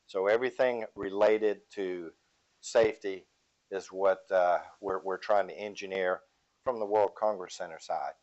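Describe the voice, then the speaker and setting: A man's voice: low-pitched, fairly even intonation, a little slow, darkish tone. A man introducing himself on a conference panel as a police chief, plainspoken with dry humor. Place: conference room. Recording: dull lo-fi room audio.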